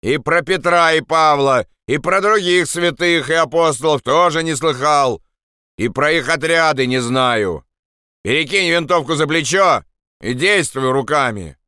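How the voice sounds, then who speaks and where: A man's voice: on the high side, a little slow, pushed and bright, smooth, dry recording, studio quality, voice pushed up. A man voicing suspicious, mocking male soldiers on guard who bark orders. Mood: suspicious commanding.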